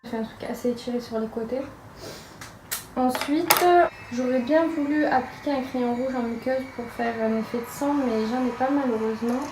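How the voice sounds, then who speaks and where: A woman's voice: on the high side, fairly even intonation, moderate pace, background noise. A young woman from France narrating a casual makeup tutorial, chatty and hesitant with frequent fillers, in a room at home. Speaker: makeup vlogger. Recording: roomy echo with music behind.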